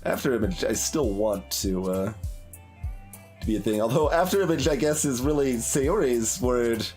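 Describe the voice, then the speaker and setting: Animated and a little mellow, this mid-range male voice moves at a moderate pace. The streamer muses aloud about his game with hesitation, letting thoughts trail off, while game music runs behind him.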